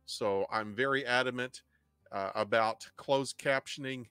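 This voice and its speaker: A middle-aged man with an Ozark Missouri twang hosts an informal online history class. His pitch is average for a man. He explains in a halting way, often repeating and rephrasing, close to the microphone in a dry room. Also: sharp tone, clean tone, no room sound, faint music behind. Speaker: host, history teacher. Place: indoor home studio. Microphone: desk microphone up close, headset on.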